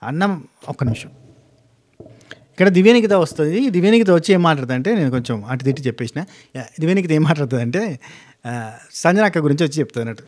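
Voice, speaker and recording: A man, casually recapping a reality show in an animated monologue with quick restarts. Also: fairly high pitch. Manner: rapid, animated retelling with frequent restarts.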